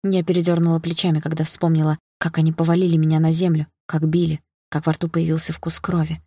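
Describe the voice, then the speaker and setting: A woman narrating an audiobook in the first person, calm and steady. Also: sits low, quick pace, breathy edge, dry recording.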